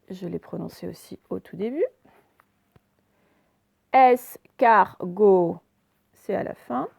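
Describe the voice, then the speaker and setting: A woman teacher giving a recorded phonics lesson for young children, saying words slowly and over-articulating them, with repetitions and fillers. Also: medium pitch, gravelly, dark tone, breathy edge. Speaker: primary school teacher.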